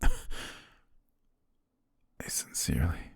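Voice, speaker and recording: A voice actor performs a dying young butler's tender farewell in an ASMR roleplay, recorded close to the mic without any echo. Devoted and gentle, the fading butler runs short of strength, his hushed, halting speech interrupted by faint breathy laughs.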